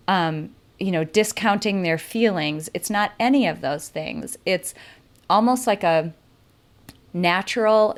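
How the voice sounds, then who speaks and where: A young woman hosting a podcast, talking fast and eagerly in casual chat with her guest. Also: lowish voice. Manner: quick, energetic, filler-heavy talk. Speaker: podcast host.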